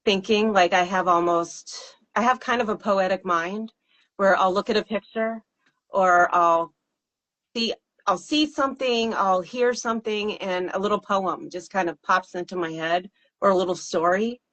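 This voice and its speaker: Fielding interview questions, a low-voiced female singer-songwriter sounds thoughtful and tentative, with fillers and the occasional laugh. Her pace is moderate and her tone fairly bright, though the recording is rough.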